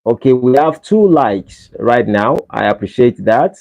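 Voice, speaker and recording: This casual livestream features a Nigerian man, speaking with a Nigerian accent, pleading for likes from his viewers. His medium-pitched voice is animated, creaky, and darkish, delivered at a measured pace, and the livestream sound is dull lo-fi.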